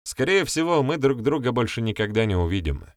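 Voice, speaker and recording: A man's voice: medium pitch, sing-song, fairly quick, no room sound, clean studio sound, voice pushed up, lightly acted. A man reading the part of a serious young man who talks in a grave, earnest way.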